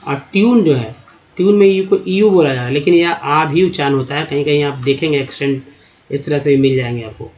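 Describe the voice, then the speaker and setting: A man teaching English pronunciation to viewers in Hindi, calling them friends and repeating sounds slowly to drill them. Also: on the high side, darkish tone. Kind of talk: explaining to viewers. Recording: dull lo-fi sound.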